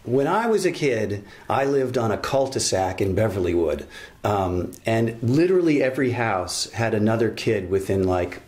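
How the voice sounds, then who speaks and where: A man in his sixties from Los Angeles, reminiscing in a relaxed, nostalgic way in a documentary interview. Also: fairly low pitch, moderate pace. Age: 60s.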